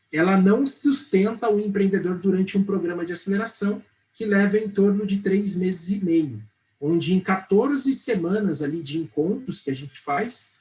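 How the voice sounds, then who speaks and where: A middle-aged Brazilian man with a high-pitched, darkish voice heads a startup accelerator and explains things fluently in a TV studio interview, tagging sentences with "né" and "tá." He has a Brazilian Portuguese accent, and the audio quality is poor.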